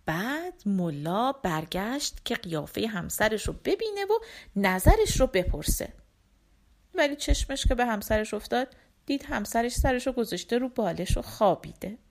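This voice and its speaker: A woman narrates a children's storybook with expressive, animated delivery. Her voice sits somewhat high and rises and falls in lively swings. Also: gravelly. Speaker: audiobook narrator.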